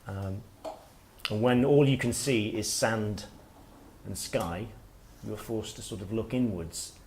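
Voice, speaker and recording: A middle-aged man speaks at a writers' workshop in a somewhat low voice. His delivery is reflective and halting, with pauses and restarts as he works out his thoughts aloud. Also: a little mellow, a little hiss or hum. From Wales. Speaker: author and guest speaker. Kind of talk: workshop talk. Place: workshop room with listeners.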